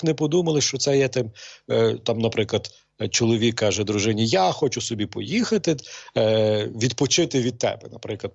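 A middle-aged man, a priest, talking slowly and hesitantly with many pauses and fillers. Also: mid-range voice, creaky, dry recording, dull audio. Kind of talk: calm talk show conversation.

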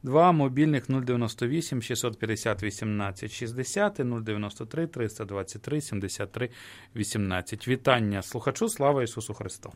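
Brisk male radio host. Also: medium pitch. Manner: brisk, announcer-like. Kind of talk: radio announcing. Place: radio studio. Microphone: studio mic.

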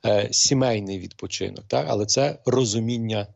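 A middle-aged man, a priest, talking slowly and hesitantly with many pauses and fillers. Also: lowish voice, vocal fry, no room sound, muffled recording. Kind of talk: calm talk show conversation.

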